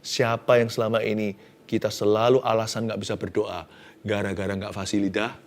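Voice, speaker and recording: A man, a pastor, preaching a sermon in a conversational, animated way. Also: on the low side, fairly quick.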